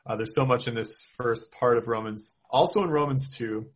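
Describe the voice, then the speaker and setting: A man with a Minnesota accent co-hosting a podcast, talking through scripture in a thoughtful, halting way with many fillers and restarts. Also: medium pitch. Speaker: podcast co-host. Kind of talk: casual theological discussion.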